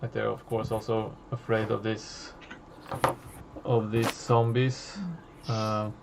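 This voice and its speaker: A man narrating as game master of a tabletop horror game, halting, with many fillers and restarts. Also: fairly low pitch, little pitch movement, gravelly, very noisy.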